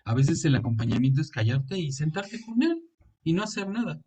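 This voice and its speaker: A man, a psychologist, explaining grief calmly in an interview and acting out examples of what to say. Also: fairly high pitch, fairly quick, recorded from a distance. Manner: calm, explains with spoken examples and questions.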